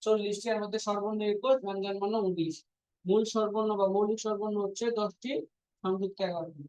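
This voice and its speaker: A woman's voice: mid-range voice, steady tone, fast talker, a little mellow, no room sound. A woman teaching a language class, repeating each point and quizzing her students with frequent questions. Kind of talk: classroom lesson. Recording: dull lo-fi dry recording.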